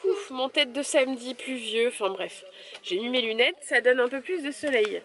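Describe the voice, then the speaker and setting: A woman's voice: sits high, animated, moderate pace, crowd noise. A woman vlogging in a casual, chatty way, full of fillers and little restarts. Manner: chatty, filler-heavy, lots of "voilà". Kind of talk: casual vlog chat.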